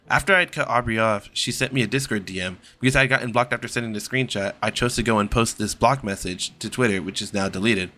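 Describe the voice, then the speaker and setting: A young man reading a somber scripted apology as an online creator, serious and measured, sometimes stumbling over his words. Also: sits low, bright, forceful tone.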